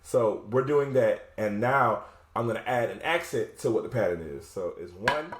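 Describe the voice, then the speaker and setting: A man's voice: mid-range voice, lively intonation, normal speed, over music. Man, drum lesson, casual, self-correcting, echoey room, drumming behind. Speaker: drumline instructor. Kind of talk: explaining drum rudiments while demonstrating. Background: drum playing.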